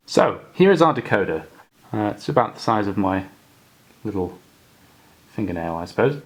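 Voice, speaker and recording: A young man casually explaining a step-by-step hobby tutorial, with many fillers and restarts. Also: on the low side. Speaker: model railway hobbyist tutor.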